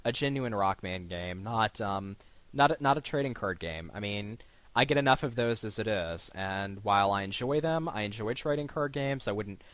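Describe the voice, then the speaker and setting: A man's voice: medium pitch, a bit bright, no room sound. A man hosting a casual podcast chat, rambling and restarting his sentences, often breaking into laughter. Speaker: podcast host.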